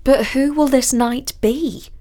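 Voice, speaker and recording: A woman's voice: high-pitched, takes it slowly, warm tone, voice pushed up. A woman voicing a reluctant young man made a knight, complaining and sulky.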